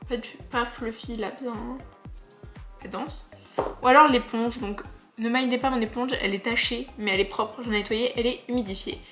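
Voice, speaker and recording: A woman's voice: on the high side, steady tone, normal speed, a bit bright. A young woman, chatting through a casual makeup tutorial with joking asides and lots of fillers. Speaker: beauty vlogger. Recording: echoey room with faint music.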